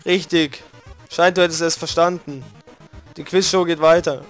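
A flamboyant male robot hosts a deadly quiz show in a video game, announcing every question with theatrical flair, voiced by a man. The voice sits fairly high for a man, with game music faintly underneath. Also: fairly even intonation, moderate pace, natural voice. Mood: showy, menacing. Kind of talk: reading game dialogue aloud.

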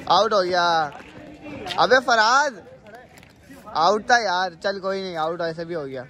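A young man calls a street cricket match ball by ball, eagerly counting balls and runs in a high voice. The sound comes from a phone held outdoors at night, with onlookers and players chattering all around him. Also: slow, pushed and bright. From Pakistan. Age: young adult. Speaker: vlogger and team player. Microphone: handheld phone. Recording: outdoor phone audio with crowd noise.

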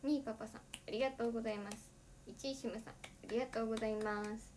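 A teenage idol girl chatting on her livestream in a slightly high voice. She talks casually and chattily, with little giggles breaking up her sentences. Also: fairly even intonation, fast, a little mellow, slight background noise. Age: teens. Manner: giggly, chatty, laughs often between sentences.

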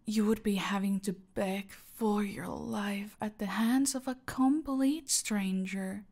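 In a roleplay audio drama, an actress voices a cartel boss who is silky, aristocratic and menacing, speaking in a condescending, deliberate way that often drops toward a whisper. Her female voice sits mid-range with vocal fry and a slightly mellow quality, carrying smug menace.

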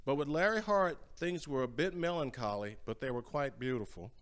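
An older man with a medium-pitched, fairly bright and clean voice hosts a home music show, speaking at a moderate pace with lively intonation. Between sung ballads he chats casually as host and singer, using many fillers and repeated words. He stands at a music stand, recorded by a distant camera across a large indoor entryway.

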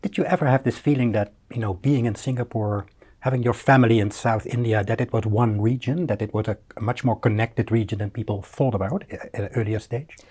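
A middle-aged man hosting an academic conversation, asking questions with many fillers and restarts in a bright office lounge. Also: medium pitch, brisk, husky. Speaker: interviewer, historian.

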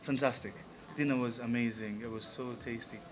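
A man's voice: medium pitch, steady tone, moderate pace, noisy background. Upbeat male musician in a lounge. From Tanzania. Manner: upbeat, enthusiastic, many fillers. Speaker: musician guest. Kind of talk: casual interview. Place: restaurant lounge, indoors. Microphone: table mic on stand.

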